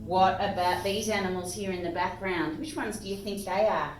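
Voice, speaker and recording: An Australian woman with a medium-pitched voice and normal pace presents storytime for small children. She reads with expression, invites listeners with questions, and gives simple explanations of words. The recording has a distant mic, roomy echo, and guitar music.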